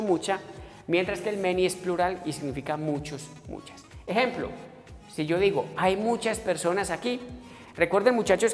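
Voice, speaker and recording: This recording captures a grammar lesson taught by a man whose English-class voice sits high, echoing at length through the room over faint background music. He moves step by step, addresses the group warmly as "muchachos," and speaks their questions aloud.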